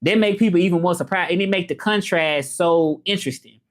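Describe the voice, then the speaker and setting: His voice sits high and his pace is brisk as this Memphis native, speaking with a Southern American accent, hosts an informal livestream. He rambles through comments and chat about learning languages, repeating himself along the way.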